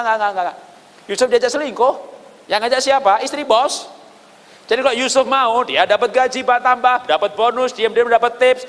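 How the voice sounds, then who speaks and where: Animated Indonesian preacher in a reverberant hall. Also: male voice. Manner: animated, rhetorical questions, drops low for emphasis. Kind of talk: sermon.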